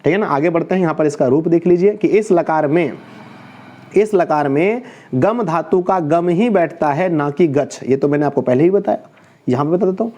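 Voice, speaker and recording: A man's voice: fairly high pitch, warm tone, muffled recording. A male Sanskrit teacher giving an online class lecture, reciting verb forms in rhythmic lists, quizzing his viewers and correcting his own slips as he goes.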